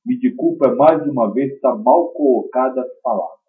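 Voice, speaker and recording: A man giving a spiritist teaching talk, emphatic and swinging between loud stresses and quiet asides. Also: medium pitch, moderate pace. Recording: dull lo-fi recording.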